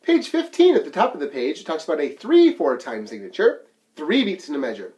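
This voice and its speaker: A man's voice: fairly high pitch, huge pitch swings, fairly quick, a little mellow. A man teaching a flute lesson, counting beats aloud and explaining each musical term plainly. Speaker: band teacher.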